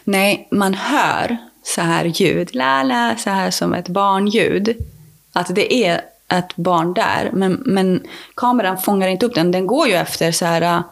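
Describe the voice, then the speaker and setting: A woman guest on a podcast telling a personal story in a casual, rambling way, often restarting her sentences and filling pauses. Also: mid-range voice.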